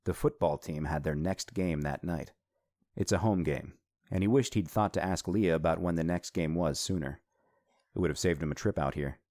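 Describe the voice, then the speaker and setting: A man narrating an audiobook in a steady, measured reading. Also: low voice, dry recording, clean studio sound.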